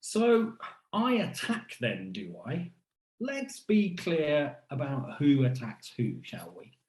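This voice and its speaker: This male academic gives a scripted keynote in the first person, his voice on the high side, sing-song and darkish in tone. He speaks deliberately and rhetorically, leaning on emphatic pauses and a wry edge, and a roomy echo fills the recording.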